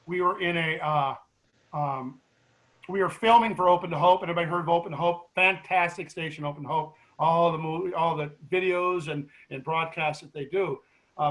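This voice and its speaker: A middle-aged man speaking as a guest at a grief support meeting, telling a story to the group in a casual, animated way with many restarts. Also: on the high side, poor audio.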